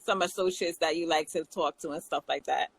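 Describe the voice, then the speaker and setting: A woman's voice: sits low, steady tone, brisk, vocal fry, slightly rough, no room sound, rough recording. Jamaican woman co-host, easy banter, frequent laughs, dead-dry sound. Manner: chatty, laughs often, many restarts. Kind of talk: casual chat.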